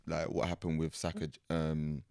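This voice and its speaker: A man's voice: rumbling low, monotone, moderate pace, creaky, darkish tone, no echo, studio quality. A young man with a London roadman accent, putting questions in a casual, slangy group debate. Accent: London, multicultural urban roadman slang.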